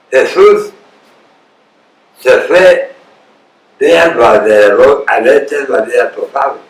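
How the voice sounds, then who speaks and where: A man preaching slowly and emphatically, repeating words for weight. His voice sits at a middle pitch. It is picked up from a distance in a roomy church with faint ambience. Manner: slow, emphatic preaching with repeated phrases and sudden rises. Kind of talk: sermon.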